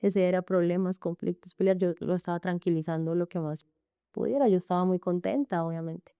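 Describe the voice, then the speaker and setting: A low-voiced woman with a Colombian accent and a warm, gravelly, smooth tone tells her own story in an interview. She speaks earnestly in long run-on sentences and often quotes what others said. The recording is dry and close. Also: steady tone, brisk, dry recording. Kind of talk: emotional personal testimony in an interview.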